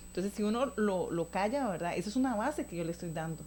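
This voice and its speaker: A woman's voice: mid-range voice, lively intonation, fast, darkish tone, slight background noise. A woman hosting a talk show, chatting conversationally and summing up her guest's points with frequent question tags. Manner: conversational, sums up points, often adds a question tag.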